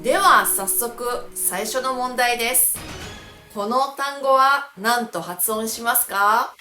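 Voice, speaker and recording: A Japanese woman teaching pronunciation in a clear, deliberate lesson style. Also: a little high, sharp tone, reverberant, soft background music. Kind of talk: scripted language lesson.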